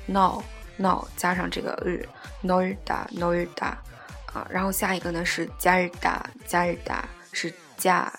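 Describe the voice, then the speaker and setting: A woman teaching a language lesson in a patient, repetitive way, going over each example word several times. Her voice sits a little low and has a gravelly, creaky edge. Soft music plays faintly behind her. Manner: patient, repeats example words slowly.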